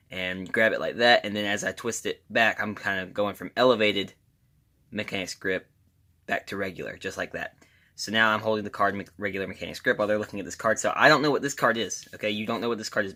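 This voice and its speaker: Guy with a lowish sharp bright voice doing a casual magic tutorial, talks to viewers like buddies, bit of music behind. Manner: informal, addresses viewers as guys. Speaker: amateur magician giving a card trick tutorial.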